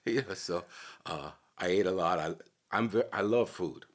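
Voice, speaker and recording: A middle-aged man from Hawaii, a podcast guest, telling stories in a relaxed, casual chat. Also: low voice, moderate pace. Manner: relaxed storyteller who acts out quoted voices.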